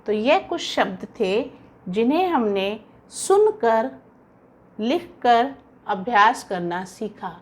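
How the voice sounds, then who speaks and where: A woman teacher speaks to young children at a very slow, deliberate pace. She spells each word out sound by sound in a patient, instructive way. Her somewhat high voice rises and falls a lot. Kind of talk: slow, careful classroom dictation for young children.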